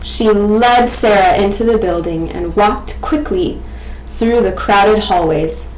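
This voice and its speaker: A woman in her twenties presenting like a teacher, expressive and questioning, as in an interactive read-aloud. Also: medium pitch, slow pace. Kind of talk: interactive picture-book reading and explanation for children. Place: small domestic room indoors. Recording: echoey room, faint background noise.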